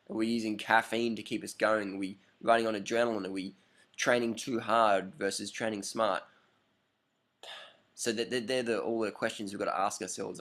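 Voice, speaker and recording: A man in his thirties giving blunt, animated advice in a casual to-camera monologue, full of rhetorical questions. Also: on the low side. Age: 30s. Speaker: vlogger. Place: lives in Bangkok.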